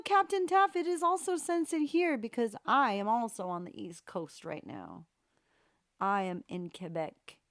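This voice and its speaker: A woman's voice: mid-range voice, dry recording, clean studio sound. A woman hosting a live piano-request stream, playfully chatting and answering viewers. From United States. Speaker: live-stream pianist host. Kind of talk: casual live-stream chat.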